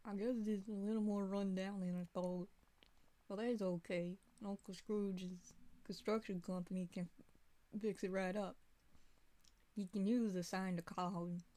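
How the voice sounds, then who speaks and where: A woman voicing a good-natured cartoon dog man, reading his lines loudly and cheerfully in a put-on Southern accent. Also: medium pitch, steady tone, a little slow, lightly acted.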